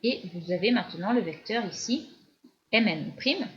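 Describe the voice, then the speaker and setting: A woman physics teacher with a French accent giving a recorded lecture while writing at the board, often pausing and restarting her sentences. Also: medium pitch, expressive. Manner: explanatory, with frequent hesitations and restarts. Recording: dull lo-fi lecture recording with faint hiss.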